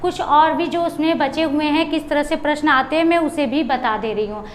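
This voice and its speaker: A woman's voice: sits high, normal speed, slight background noise. A woman teacher explaining grammar for exam preparation, repeating key terms and asking and answering her own questions. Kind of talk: grammar lesson for exam prep.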